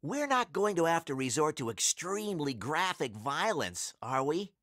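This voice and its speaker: A man's voice: on the high side, big pitch swings, moderate pace, sharp tone, dry recording, studio quality, pitched above the performer's own voice. A man voicing an eager, nervous young schoolboy in a storybook.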